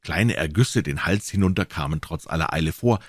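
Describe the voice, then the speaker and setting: A man narrating a classic novel with expressive storytelling. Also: low-pitched, fairly quick, no echo, clean studio sound. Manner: expressive storytelling, voicing the characters. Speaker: audiobook narrator.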